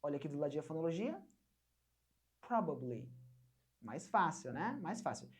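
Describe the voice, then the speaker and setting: A young woman from Brazil teaching an online English lesson, patiently repeating words slowly for learners to copy. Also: low-pitched, sing-song, slightly rough.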